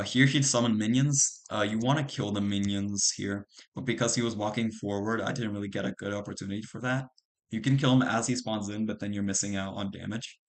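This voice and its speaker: A young man streaming, casually walking through boss strategy over gameplay footage with a loose, filler-heavy way of talking. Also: lowish voice. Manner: loose and conversational, many fillers, talks over replay footage. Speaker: streamer giving a game strategy guide.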